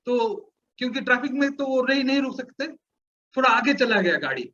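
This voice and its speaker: A man with a very high, sharp voice tells a story to a church seminar crowd. He acts out what other people said as he goes. The recording is dull and lo-fi, with faint noise behind it. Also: brisk. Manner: animated, acts out others' lines. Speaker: speaker at a Bible seminar. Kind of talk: storytelling anecdote.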